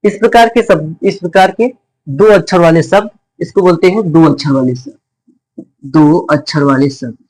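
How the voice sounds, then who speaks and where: A man teaches spelling to viewers. His voice sits a little high, and he repeats himself, asking a question and then answering it. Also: a little fast, darkish tone, no room sound, rough recording. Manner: repetitive, stops to ask and answer his own questions.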